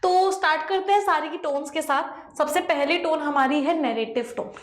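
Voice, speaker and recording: A woman teaching an exam-prep lesson in a lively way, asking the class rhetorical questions. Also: sits high, moderate pace, echoey room. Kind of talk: online lesson.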